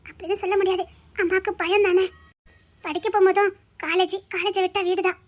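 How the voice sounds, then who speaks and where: A sheltered young student, played by a woman, talks in a very high, light voice with a Tirunelveli accent. She is gentle and affectionate, teasing softly. It is web-series drama acting. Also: flat delivery, a little fast. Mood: tender. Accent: Tirunelveli Tamil.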